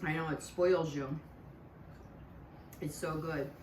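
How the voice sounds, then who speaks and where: A woman's voice: low-pitched, steady tone, slow, distant mic. A middle-aged woman co-hosting a homestead channel, chatting casually over dinner. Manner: chatty, conversational. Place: home dining room. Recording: roomy, from the mic, faint hiss.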